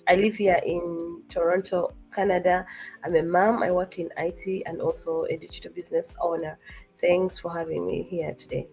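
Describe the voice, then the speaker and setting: Lowish woman from Uganda, voice worn by a cold, polite panelist on a video call, faint music behind. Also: level tone, normal speed, vocal fry, darkish tone. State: voice low from a cold. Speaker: guest panelist. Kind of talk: live-stream video chat.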